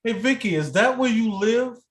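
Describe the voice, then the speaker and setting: A man's voice: very high-pitched, lively intonation, moderate pace. An American man chatting casually on a live stream in a folksy, colloquial way. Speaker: co-host of a live spirit box session. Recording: echoey room sound.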